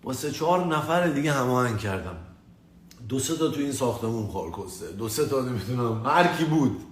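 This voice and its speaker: A man from Tehran telling crude personal stories in a rambling, profane, animated way. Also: mid-range voice. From Tehran, Iran. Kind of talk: casual storytelling monologue. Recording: echoey room with faint ambient noise.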